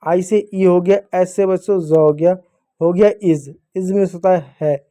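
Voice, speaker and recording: A young man teaches small children how to read, his voice pitched high yet soft and mellow. He goes patiently, posing each rule as a question and then answering it himself. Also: steady tone, moderate pace. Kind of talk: phonics lesson for young children.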